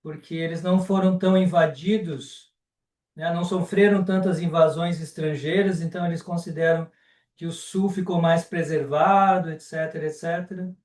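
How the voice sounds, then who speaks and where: A man with a Brazilian Portuguese accent teaching a live online class, unhurried and often ending sentences with a checking question. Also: a little high, steady tone, a little mellow, far from the mic. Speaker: Sanskrit teacher. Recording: roomy and off-mic.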